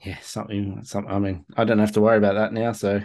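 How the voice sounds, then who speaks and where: A man's voice: fairly low pitch, little pitch movement, fast talker, darkish tone. A man hosting a casual sports podcast, chatty and often laughing, with many fillers. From Australia. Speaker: podcast host. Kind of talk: casual chat.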